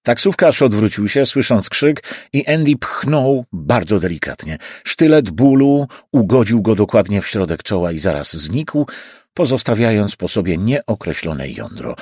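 A man's voice: on the low side, big pitch swings, a little slow, a little mellow, husky, dry recording, clean studio sound. A man narrating an audiobook in a dramatic, varied reading. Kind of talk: scripted narration.

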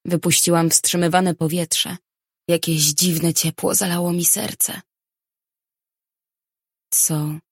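A woman reads a novel aloud in the first person, with a measured, even delivery. Her voice sits low for a woman. The recording is dry and close, with no reverb at all. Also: gravelly, husky. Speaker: audiobook narrator. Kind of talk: first-person audiobook narration.

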